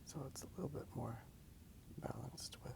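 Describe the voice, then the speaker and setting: The host of an ASMR drawing video speaks in a hushed, gravelly, medium-pitched voice while sketching outdoors in a park. He rambles softly and slowly, repeats his phrases, and asks the listener questions.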